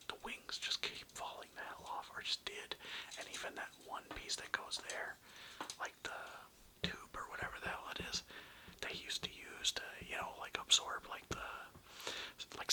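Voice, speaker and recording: An ASMR creator uses a breathy, unvoiced whisper in a mid-range voice, rambling informally through a casual show-and-tell with a bit of swearing.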